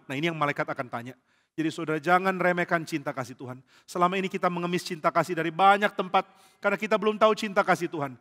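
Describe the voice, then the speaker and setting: A man preaching a lively sermon to a congregation as pastor, acting out little dialogues and jokes. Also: a little high. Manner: animated, acts out quotes and jokes with the congregation. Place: large church hall. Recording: church hall reverb.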